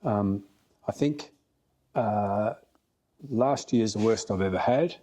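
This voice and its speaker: A man's voice: fairly low pitch, takes it slowly, dark tone. A middle-aged Australian man telling stories casually as a fly fishing guide on a podcast, plain-spoken and blokey with emphatic repetition.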